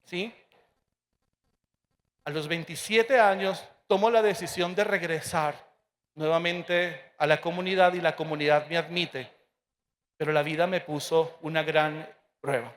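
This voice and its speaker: A priest in his forties telling a personal testimony to an audience, earnest and emotional, with dramatic pauses. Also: a little high, fairly even intonation, fairly bright tone.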